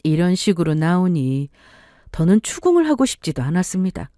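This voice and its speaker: A woman's voice: lowish voice, very animated, moderate pace, warm tone, no room sound, studio quality. A woman narrating a scripted first-person story in a confiding storytelling tone.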